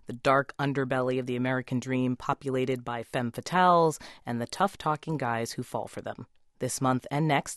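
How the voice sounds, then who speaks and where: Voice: mid-range voice, no room sound. Dry studio-voiced radio news host. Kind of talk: scripted storytelling introduction.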